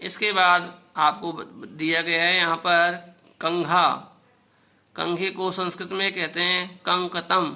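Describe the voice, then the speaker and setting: Slow, patient male teacher, bright voice. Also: high voice, level tone. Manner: slow, patient, repeats "ठीक है" often; pronounces words slowly for students to repeat. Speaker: school Sanskrit teacher. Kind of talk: classroom video lesson.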